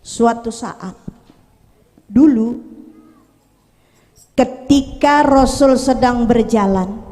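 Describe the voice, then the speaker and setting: A woman's voice: high-pitched, darkish tone. A woman preacher tells a story in a sermon, joking and bantering with the audience. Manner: playful, jokes and banters with the audience. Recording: long reverb of a hall.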